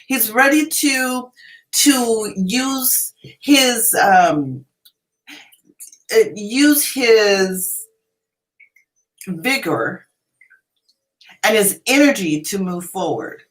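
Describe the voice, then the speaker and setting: A woman's voice: mid-range voice, lively intonation, extremely slow, pauses often, rough recording. A woman in her fifties giving a live tarot reading, explaining the cards in a chatty, rambling way with everyday examples and frequent restarts. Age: 50s. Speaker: tarot reader.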